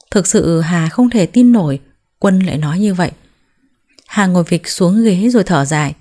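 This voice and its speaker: A woman narrating a family drama story in a calm, measured, emotive reading. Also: fairly low pitch.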